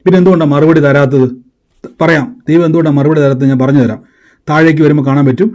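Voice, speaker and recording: A man's voice: fairly high pitch, fairly even intonation, racing, darkish tone. A man from preaching a sermon, asking the congregation questions and waiting for their answers.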